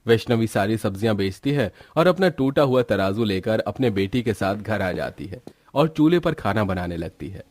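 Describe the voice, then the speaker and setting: A man narrating a cartoon story in a steady, explanatory storytelling manner. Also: on the low side, moderate pace.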